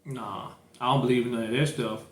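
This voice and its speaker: Talking fairly quickly in a steady, mid-range voice, a man from St. Louis, Missouri hosts a podcast of casual political chat. The room echoes, and his rambling speech is packed with fillers and restarts.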